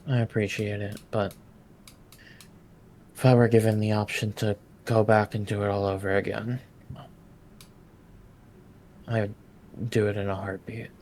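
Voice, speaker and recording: A man playing in a tabletop game, speaking in a soft, halting way. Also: on the low side, little pitch movement. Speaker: player. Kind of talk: tabletop role-play chat.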